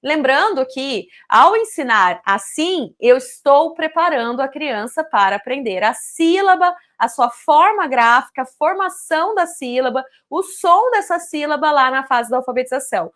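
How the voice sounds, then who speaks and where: Woman, high pitch, didactic teaching video, speaks directly to teachers. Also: animated, a bit bright. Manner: clear, didactic, speaks syllables slowly to demonstrate; addresses teachers directly, asks rhetorical questions. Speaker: literacy teacher and educator. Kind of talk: teaching video with product promotion.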